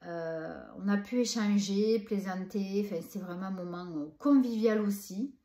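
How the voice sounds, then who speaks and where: A book vlogger from southern France, with a southern French accent and a dark, medium-pitched voice, speaks unhurriedly in a roomy-sounding space. She chats enthusiastically about books she has read in a casual review full of hesitations.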